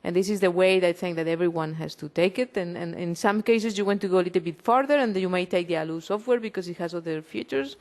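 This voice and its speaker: A woman's voice: lowish voice, fast, few pauses, darkish tone. A woman facilitating a conference panel, summing up in a hesitant way with many fillers and restarts. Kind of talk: closing summary at a conference panel.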